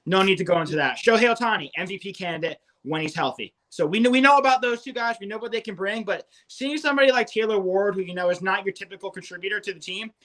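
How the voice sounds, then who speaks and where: A man's voice: sits high, fast talker, few pauses, fairly bright tone. A young man co-hosting a fantasy baseball podcast, rattling off stats with enthusiasm. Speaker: co-host.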